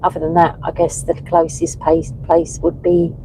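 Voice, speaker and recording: A woman's voice: sits low, monotone, moderate pace, warm tone, poor audio. A woman, casually reading out viewer comments and chatting as a passenger, with some hesitation. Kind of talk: casual live stream chat. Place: inside a moving car. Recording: faint car road noise. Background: vehicle noise.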